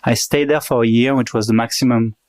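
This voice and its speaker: A man in his thirties from Paris with a French accent, a guest chatting casually in a relaxed, hesitant way. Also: mid-range voice, brisk, no room sound. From Paris, France. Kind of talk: casual chat.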